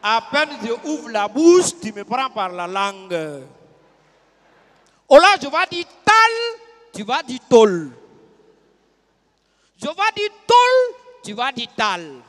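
A man's voice: sits high, lively intonation, a little slow, hardly any pauses, in a large hall, pitched below the performer's own voice. A man playing a pompous camp commander. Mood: indignant. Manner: loud, self-important proclamations.

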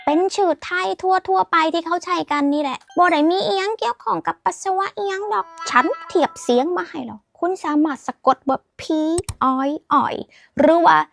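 A woman's voice: very high voice, brisk, gravelly. A woman teaching a playful language lesson, teasing and mixing in English phrases. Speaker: language tips host.

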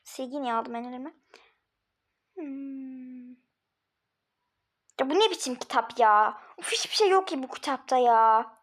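Woman playing a grumbling teen schoolgirl in a homemade drama, high voice, sighs a lot, stammers when flustered. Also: measured pace, pauses often. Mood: annoyed.

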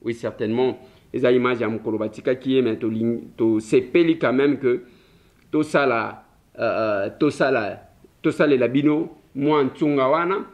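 A man's voice: medium pitch, moderate pace, highs cut off. A man hosting a political talk show, chatting casually between French and Lingala, joking and repeating himself.

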